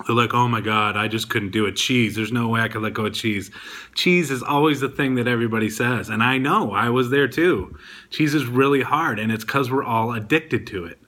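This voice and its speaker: A man's voice: medium pitch, bright, forceful tone. A man hosting his own video podcast, talking casually and rambling a bit with frequent ums. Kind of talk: casual diet vlog talk.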